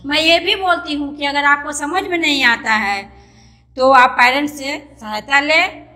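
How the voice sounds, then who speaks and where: Over soft background music, a female primary school teacher with an Indian Hindi accent teaches young kids online at normal speed, her high voice sharp. She repeats things patiently, says "beta" to her pupils and spells words one letter at a time.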